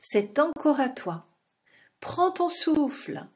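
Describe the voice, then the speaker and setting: A woman's voice: sits high, big pitch swings, slow, a little mellow. A woman narrating a children's storybook expressively and speaking directly to the young listener.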